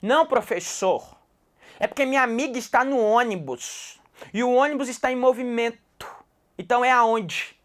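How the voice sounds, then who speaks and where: A man's voice: very high-pitched, moderate pace, fairly bright tone, voice pushed up. A man voicing a young female student who earnestly explains herself to her teacher. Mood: defensive. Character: young woman student making excuses.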